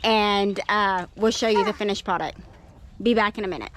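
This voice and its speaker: A woman's voice: mid-range voice, steady tone, normal speed, slight background noise. A woman, chatting homey and direct to her viewers in a casual vlog. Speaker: homestead vlogger. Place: outdoors by a chicken coop.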